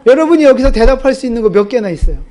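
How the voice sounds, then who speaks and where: High-voiced man preaching a sermon. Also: very animated, racing, dark tone. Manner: questions the congregation, emphatic repetition. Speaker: pastor.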